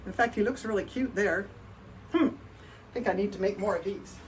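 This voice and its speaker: This is a potter with a Canadian accent hosting a livestream, where she gives a casual live show-and-tell. Her mid-range voice moves at a moderate pace as she chats and rambles, often breaking off mid-sentence. There is noticeable background noise.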